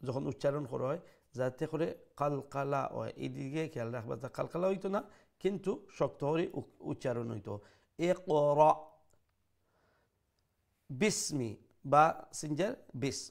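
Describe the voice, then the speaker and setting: A middle-aged man teaching Quran recitation, chanting verses slowly and explaining pronunciation in mixed with English. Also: fairly high pitch, creaky.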